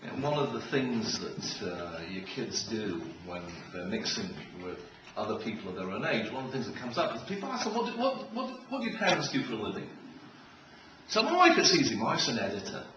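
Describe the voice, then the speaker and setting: Wry and animated, a middle-aged Israeli keynote speaker tells anecdotes in a humorous public talk, at medium pitch and a little fast. He's heard from a distance in a large, very reverberant room with an audience, and noise is clearly audible.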